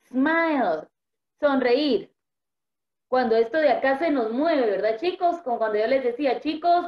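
A woman teaching English online, repeating each vocabulary word slowly so the students can echo it, heard over a video call. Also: high voice. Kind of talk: online vocabulary lesson, bilingual. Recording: dull lo-fi video-call audio.

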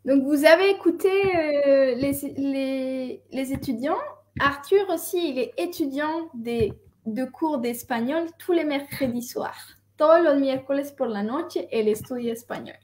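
Speaking at a measured pace in a high-pitched, slightly mellow voice, a young teacher leads an online French lesson from home and moves back and forth between French and Spanish as she patiently explains. The laptop mic on the video call gives the sound a roomy quality.

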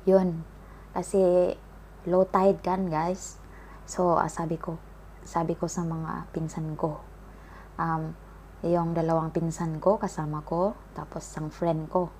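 A woman's voice: sits low, level tone, slow, long pauses, a little mellow, a little hiss or hum. A woman telling a childhood story to her viewers in a casual vlog, talking chattily with lots of fillers and often calling them guys. She is recording outdoors by the seaside. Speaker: vlogger.

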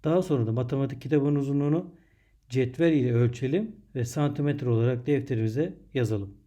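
A man narrating a scripted primary school lesson, dictating in measured, separated phrases as a teacher does for young pupils. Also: mid-range voice, dark tone.

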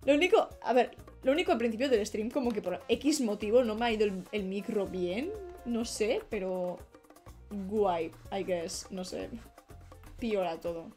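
A woman's voice: medium pitch, normal speed, a little mellow. A young woman streamer chatting casually while she draws, rambling and trailing off as she works. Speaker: streamer and illustrator. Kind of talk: casual live-stream chat while drawing. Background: faint background music.

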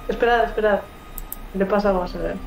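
A woman's voice: medium pitch, fairly even intonation, fast talker, vocal fry, dull audio. A young woman playing a tabletop game, casually describing her character over a video call. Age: young adult. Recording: echoey video call, faint music.

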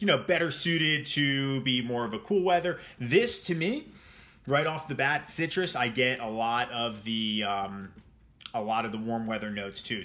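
Young guy from jersey gushing about a cologne at home, bright forward voice, repeats himself a lot. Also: mid-range voice. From New Jersey. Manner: enthusiastic, rambling, repeats words. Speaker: fragrance reviewer. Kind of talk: casual product review to camera. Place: small room at home, indoors.

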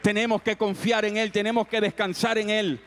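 A man's voice: high-pitched, flat delivery, normal speed, soft background music. A man preaching a youth service sermon. He repeats his exhortations in an earnest, rising cadence.

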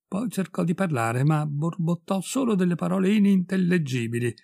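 A man reading a ghost story aloud as an audiobook, voicing the characters with raised pitch and emphasis. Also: expressive, moderate pace, creaky, dark tone, husky, no room sound, clean studio sound. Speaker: audiobook reader. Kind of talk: expressive audiobook narration.

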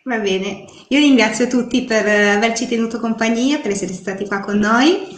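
A woman's voice: fairly high pitch, normal speed. A woman hosting a casual live chat about interior design, talking animatedly with restarts mid-phrase. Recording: roomy echo.

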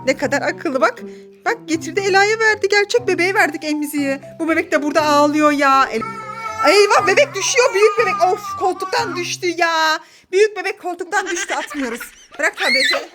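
A woman talks to the camera as a mother filming her children at home. She is playful and quick to exclaim and laugh, and her high voice leaps up and down as she narrates. Music plays under her voice. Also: animated. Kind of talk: casual family vlog narration.

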